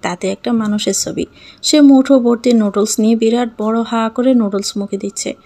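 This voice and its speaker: A young woman narrating a first-person audio story in a lively way, acting out her own scenes. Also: on the high side, normal speed.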